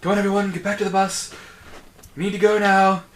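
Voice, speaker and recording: A man's voice: high voice, little pitch movement, fairly bright tone, echoey room, recorded from a distance, a little hiss or hum, voice pushed up. A man voicing a flustered middle-aged woman, a school matron calling her pupils together in a hurry. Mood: hurried. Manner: hurried, raised calling.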